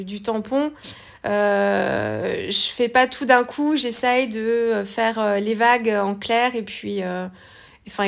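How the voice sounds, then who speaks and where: A woman's voice: mid-range voice, gravelly. A woman talking through a coloring tutorial in a casual, hesitant way, with many fillers and self-corrections. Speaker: craft tutorial host. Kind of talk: casual voice-over art tutorial.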